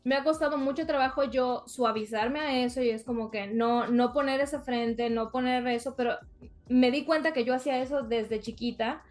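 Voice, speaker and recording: A woman's voice: sits high, moderate pace, soft background music. A woman from Mexico co-hosting a casual podcast chat, telling a story animatedly and acting out what people said. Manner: animated storytelling, acts out quotes. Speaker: podcast co-host.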